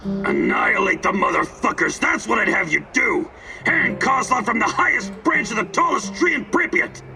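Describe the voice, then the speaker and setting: An actor playing a volatile, vengeful, foul-mouthed tough man in a video game, with a gravelly voice. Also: a little high, very animated, normal speed, heavily acted. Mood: furious, bitter. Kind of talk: video game dialogue acting. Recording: slightly distant, music behind.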